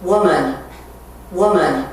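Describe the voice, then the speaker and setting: A woman in a played pronunciation clip, saying each word twice, slowly and carefully. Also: low voice, darkish tone. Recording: echoey playback from far off, faint hiss.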